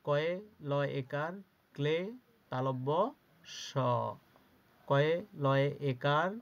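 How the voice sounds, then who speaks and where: A man's voice: on the high side, fairly even intonation, slow, clear, resonant tone. A man teaching a spelling lesson to children, spelling each word out syllable by syllable and answering his own questions. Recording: dull lo-fi recording.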